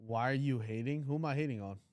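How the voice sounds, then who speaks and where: Twenty-something dude on a trading livestream, teasing chat, dead dry mic. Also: male voice, mid-range voice, fast, a little mellow, no echo. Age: 20s. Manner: blunt, teasing, reads chat aloud.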